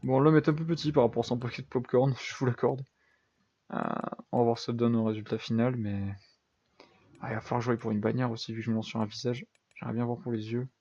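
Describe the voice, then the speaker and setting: A man's voice: medium pitch, steady tone, fast talker, warm tone, breathy edge. Chatty young man with a lo-fi mic. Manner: chatty, self-deprecating, thinks aloud with many fillers. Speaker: gaming YouTuber. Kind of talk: casual Minecraft commentary.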